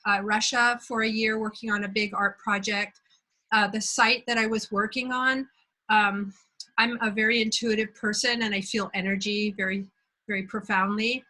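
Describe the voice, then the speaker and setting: A woman from Belgium hosts a casual conversation, her voice bright and clear at a middle pitch. She tells her stories reflectively and unhurriedly, pausing to search for words. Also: flat delivery, low-quality recording. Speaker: host.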